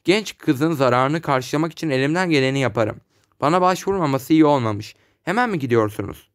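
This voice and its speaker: A man's voice: medium pitch, lively intonation, a little fast, lightly acted. A man reading aloud, voicing an impatient, brusque doctor who snaps at his visitor. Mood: irritable.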